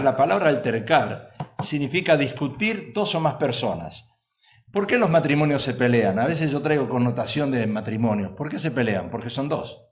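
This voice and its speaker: Male pastor, sermon delivery; lively, emphatic, slightly high register, rhetorical questions to the congregation.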